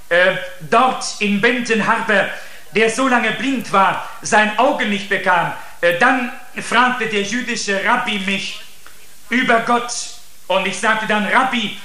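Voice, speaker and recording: Earnest male preacher delivering a sermon, slow and deliberate, roomy sound. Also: high-pitched, sharp tone. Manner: earnest, addresses listeners with repeated "seht". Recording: echoey room.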